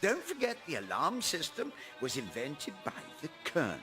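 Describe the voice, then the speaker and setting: Smarmy, swooping cartoon villain banker. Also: male voice, fairly high pitch, wildly swooping pitch, moderate pace, music in the background. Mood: sly conspiring. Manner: oily, condescending, grandiose. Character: scheming, smarmy, self-important grown-up male villain banker. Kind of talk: animated cartoon voice acting.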